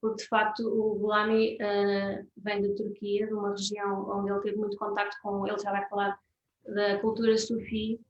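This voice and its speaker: A woman from Portugal, a musician interpreting at a talk, speaking haltingly with many fillers. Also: medium pitch, monotone, lo-fi sound. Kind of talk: translating for a guest at a festival talk. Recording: roomy, distant, faint hiss.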